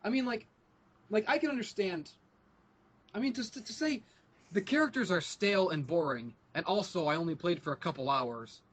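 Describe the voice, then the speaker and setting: A man's voice: high-pitched, lively intonation, normal speed. A young man co-hosting a podcast, chatting casually and ranting with a lot of profanity. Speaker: podcast co-host. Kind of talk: casual chat.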